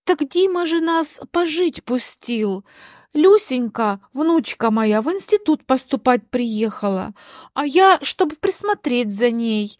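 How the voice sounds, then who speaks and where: A woman's voice: sits high, lively intonation, takes it slowly, a little mellow, no room sound, studio quality, voice pushed up. A woman voicing a flustered, fussy elderly aunt in a spoken story. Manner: fussing, pleading.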